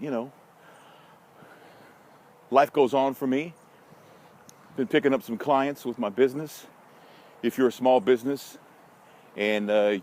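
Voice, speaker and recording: With a mid-range, darkish voice, an American vlogger and social media marketing consultant talks casually and bluntly while walking in a park, rambling and adding wry, folksy asides. City ambience and passing vehicles come through in the noisy outdoor recording.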